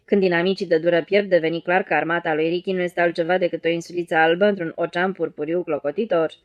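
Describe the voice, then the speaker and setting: A woman narrating an audiobook in a steady storytelling read. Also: fairly low pitch, no echo, highs cut off. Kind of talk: scripted narration.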